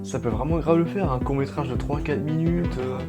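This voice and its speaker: A young man co-hosting a horror video, reacting excitedly in slang and reading a legend aloud. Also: a little high, brisk. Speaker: co-host. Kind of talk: casual chat and storytelling. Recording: music playing behind.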